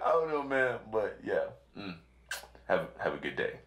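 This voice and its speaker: A young man telling a childhood story in a casual, animated way, with slang and laughing asides. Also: fairly low pitch, measured pace. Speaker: vlogger storyteller. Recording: echoey room.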